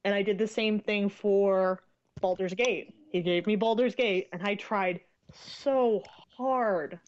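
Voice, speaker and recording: A woman's voice: medium pitch, steady tone, takes it slowly, a little mellow, slight background noise. Woman, 20s, podcast co-host; chatty, laughs easily, muffled lo-fi audio. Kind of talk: casual chat. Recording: dull lo-fi recording.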